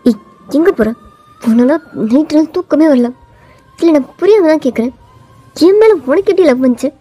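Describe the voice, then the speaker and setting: A woman's voice: high voice, animated, moderate pace, mellow, soft background music. A woman voicing a cold, arrogant young male CEO who talks in a taunting, domineering way. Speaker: voiceover artist.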